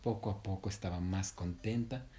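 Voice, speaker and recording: Gentle man telling a bedtime story. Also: deep voice, steady tone, soft background music. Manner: gentle, unhurried, self-correcting. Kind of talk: improvised storytelling to a child.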